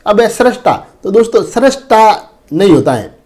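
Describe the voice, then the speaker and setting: A man's voice: high-pitched, sing-song, normal speed, darkish tone. A man teaching an exam-prep lesson on spelling. He talks in a repetitive way and keeps calling his viewers friends and brother. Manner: repetitive, addresses viewers as friends and brother, often says "dekhen".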